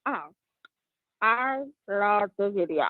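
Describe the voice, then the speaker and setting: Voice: mid-range voice, animated, takes it slowly, no echo. Call-in caller, muffled through a wall, tinny phone line, far from the mic, dry. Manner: faint and hard to hear. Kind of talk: call-in radio chat.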